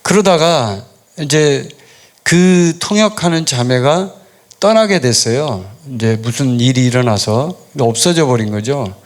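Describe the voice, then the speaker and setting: A middle-aged man, a pastor, preaching a sermon in a relaxed storytelling way, asking questions and answering them himself. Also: medium pitch, a little slow. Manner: storytelling, conversational, asks and answers his own questions. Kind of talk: sermon with personal stories.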